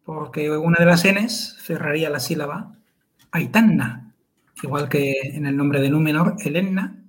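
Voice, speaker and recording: A man's voice: on the high side, measured pace. A man, co-hosting a podcast chat and explaining pronunciation carefully, syllable by syllable. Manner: careful and methodical, spells out syllables.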